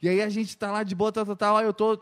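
Brazilian man, podcast guest, high-pitched voice, rapid animated storytelling, acts out dialogue, filler-heavy casual chat. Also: clean tone. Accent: Brazilian Portuguese. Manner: animated anecdote-telling, acts out dialogue, frequent "tipo assim" fillers.

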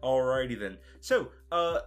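A man hosts a casual podcast and talks in a loose, rambling way, full of "uh" and restarts. His voice sits at an ordinary middle pitch. Soft guitar music plays faintly behind him. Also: expressive, unhurried. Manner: rambling, filler-heavy, friendly questions. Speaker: podcast host. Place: lives and works in Russia as a foreigner.

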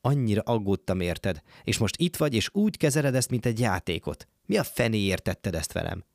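A man's voice: fairly low pitch, lively intonation, creaky, a little mellow, no room sound, studio quality. A man voicing a tearful young woman. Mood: distraught. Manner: pleading, reproachful. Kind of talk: audiobook reading.

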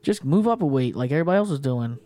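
A man's voice: mid-range voice, expressive, very fast, dark tone, dry recording. A man co-hosting a casual podcast, rambling and swearing as he talks over recent fights. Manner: rambling, profane, laughs often. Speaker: podcast co-host. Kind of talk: casual fight-recap chat.

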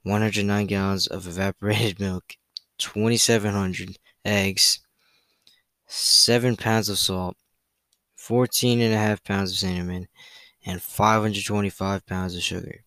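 A young man with a bright, forceful, rather low voice hosts a solo podcast. He reads facts in a loose, chatty way, full of fillers, stumbles and self-corrections. The sound is dry and close, with no room around it. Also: level tone, measured pace, clear, resonant tone, no room sound, rough recording. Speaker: podcast host.

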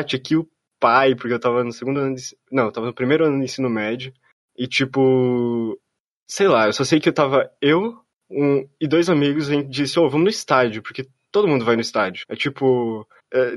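A man's voice: medium pitch, no echo. A young man with a southern Brazilian accent, telling a story in a casual, rambling way with lots of slang and fillers.

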